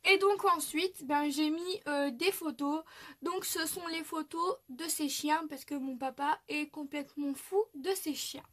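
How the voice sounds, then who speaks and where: A woman's voice: sits high, a little slow, fairly bright tone. A young woman from France chatting through a craft tutorial, full of fillers and little restarts. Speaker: craft youtuber.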